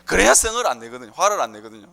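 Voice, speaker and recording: A man's voice: fairly high pitch, big pitch swings, very fast, creaky, pushed and bright. A middle-aged man with a Gyeongsang accent, preaching an impassioned sermon full of rhetorical questions. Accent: Gyeongsang Korean. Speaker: pastor.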